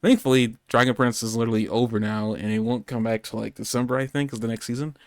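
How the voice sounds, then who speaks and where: A man's voice: medium pitch, fairly even intonation, quick pace, no room sound. A man hosting a live-streamed anime podcast, chatting casually and rambling off on tangents. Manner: rambling, meandering, self-correcting. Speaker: podcast host. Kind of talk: casual chat. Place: home streaming setup.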